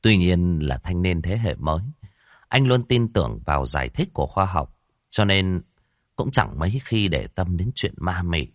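Casting: very deep male storyteller, lively and dramatic delivery, dry close mic. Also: moderate pace, no room sound. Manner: expressive, dramatic, voices characters. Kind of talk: horror audiobook narration.

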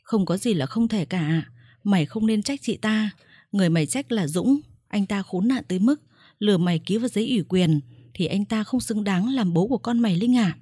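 A loyal friend talks sense in a steady, reasoning way, as a woman storyteller voices her. Her voice is warm and a little husky, recorded dry and close. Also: medium pitch, a little fast, dry recording, natural voice. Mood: calming. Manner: reasoning, calming. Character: loyal, level-headed female friend.

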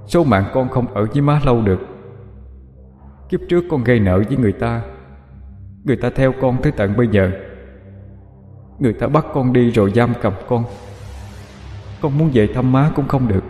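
A sorrowful young man's spirit , put on by a male storyteller speaks through a possessed aunt in an audio story. The voice sits higher and quieter, tearful and pleading, and a long, roomy reverb wraps every word like a ghost. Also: measured pace, pauses often, faint music behind.

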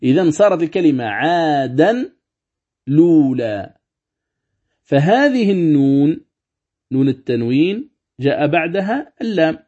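A man gives a religious lesson on Quran recitation, explaining each rule step by step. His voice sits a little high but has a warm, mellow tone. He poses rhetorical questions and stretches out the recited examples slowly, and the recording sounds dull and lo-fi. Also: big pitch swings.

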